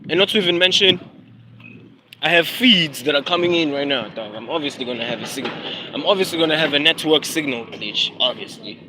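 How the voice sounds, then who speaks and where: A man's voice: on the high side, lively intonation, brisk, background noise. A South African man, a rapper and vlogger, chatting casually and rambling on a phone live stream from a neighborhood street. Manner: rambling, slangy, apologetic about glitches.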